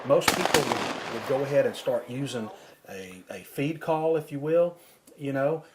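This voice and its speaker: A duck-calling instructor explains technique informally, going step by step and using examples. His medium-pitched voice is expressive and a little slow, over a noisy background.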